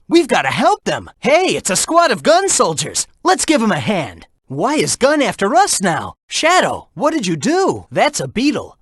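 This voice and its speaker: A young male hedgehog hero in an action video game, brash and upbeat. The pitch swings wildly through short, slangy, energetic battle callouts. The sound is dry and studio-tight, and the delivery is cocky and urging. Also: no echo, full character voice. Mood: urgent warning.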